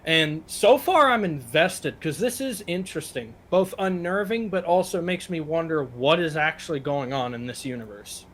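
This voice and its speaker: Talking at a normal pace with hardly any pauses, this co-host has a fairly high, slightly bright voice. He swears freely as he chats casually with the group, reacting to videos.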